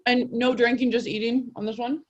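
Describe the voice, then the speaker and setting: A woman's voice: fairly high pitch, level tone, brisk, lo-fi sound. A woman chatting casually on a video call in a giggly, hesitant way. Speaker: contest participant. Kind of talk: casual chat.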